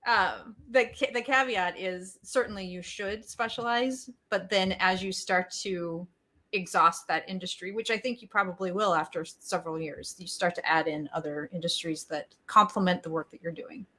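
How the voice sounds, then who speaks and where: A woman's voice: on the low side, steady tone, normal speed, sharp tone. A woman co-hosting a business podcast, telling stories in a chatty, casual way. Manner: chatty storyteller, laughs easily. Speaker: podcast co-host.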